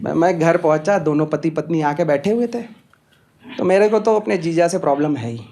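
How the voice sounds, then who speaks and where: A man's voice: fairly high pitch, fairly quick. A young man doing stand-up comedy and telling a story to a live audience in a chatty way that speaks straight to the crowd. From India. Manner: conversational, addresses audience directly. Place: comedy club stage with audience. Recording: noisy live club recording.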